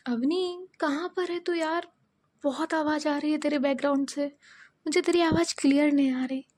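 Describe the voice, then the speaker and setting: A caring young best friend with a high voice who speaks frankly and coaxingly, read by a woman narrator. Her tone is mellow rather than bright. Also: steady tone, normal speed, dry recording, close to an everyday voice. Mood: concerned. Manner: coaxing, advising.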